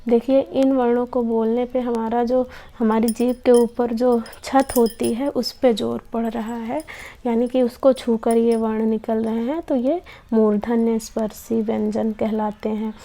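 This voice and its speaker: Woman teacher, mellow gravelly voice, slow and patient, sounds out each letter. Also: a little high, little pitch movement. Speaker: Hindi teacher. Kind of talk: slow classroom explanation.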